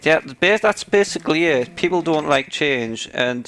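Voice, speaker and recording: A man's voice: a little high, expressive, moderate pace, fairly bright tone, slight background noise. Ranting man, worked up. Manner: ranting, sarcastic, gets worked up. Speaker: podcast co-host. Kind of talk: casual gaming chat while playing.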